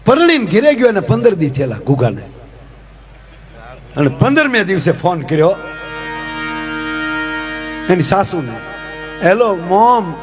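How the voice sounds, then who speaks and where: A man's voice: sits high, unhurried, long pauses, faint music behind. A man with a Kathiawadi Gujarati accent, telling humorous and devotional stories on stage and keeping the audience involved. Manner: animated, keeps calling out to the audience. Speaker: folk storyteller on stage.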